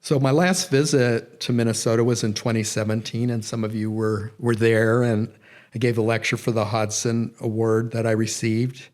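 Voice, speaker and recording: A man's voice: mid-range voice, little pitch movement, normal speed, a little mellow. A middle-aged man giving a public lecture, rambling and correcting himself, with many fillers. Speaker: guest lecturer. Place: nature center event room.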